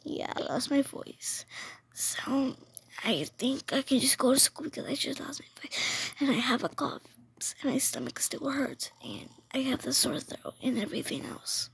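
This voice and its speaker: A woman's voice: sits high, very animated, normal speed, fairly bright tone, exaggerated voice. A woman whispering as a sick, voiceless girl in whispered role-play. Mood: weak, sick. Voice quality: whispery, hoarse. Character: sick tired girl who has lost her voice.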